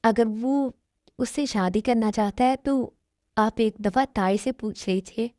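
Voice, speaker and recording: Woman voicing a calm caring mother. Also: on the high side, a little slow, no room sound, clean studio sound, close to an everyday voice. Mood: soothing.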